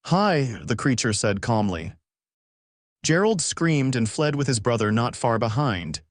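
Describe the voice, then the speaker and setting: A man, the author, reading his short story aloud in a measured, expressive way. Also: mid-range voice, no echo, clean studio sound. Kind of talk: storybook narration.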